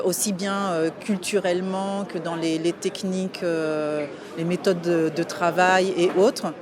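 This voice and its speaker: A woman in her forties from France, answering interview questions casually and hesitantly, with many filler sounds and restarts. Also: on the low side. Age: 40s. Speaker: interview guest. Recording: clear outdoor street noise behind.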